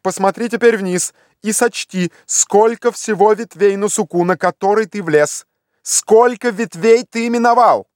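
A man voicing an excitable, obsessed gentleman in an audiobook, shouting eager orders. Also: high-pitched, a little slow, dry recording, studio quality, pitched above the performer's own voice. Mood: excited. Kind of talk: audiobook character voice.

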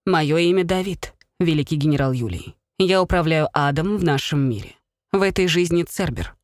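A woman's voice: low voice, moderate pace, no echo, studio quality, natural voice. A woman doing a grave warrior general. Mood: formal. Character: grave male warrior general, ruler of hell.

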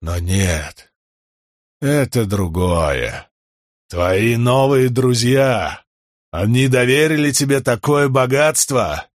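A man's voice: medium pitch, slow, dry recording, studio quality, close to an everyday voice. A man voicing a raging middle-aged noble father who roars and blusters. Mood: shaken. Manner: roaring, blustering.

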